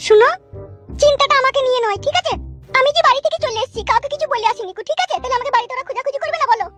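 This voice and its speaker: A woman's voice: very high voice, very fast, loud music behind the voice, voice pushed up. A woman voicing a young village wife who impatiently prods her husband. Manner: impatient, prodding.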